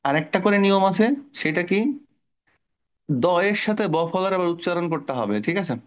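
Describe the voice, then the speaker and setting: A man's voice: high-pitched, moderate pace, clear, resonant tone, dull audio. A middle-aged man teaching an online spelling class to children, explaining patiently and asking the class questions.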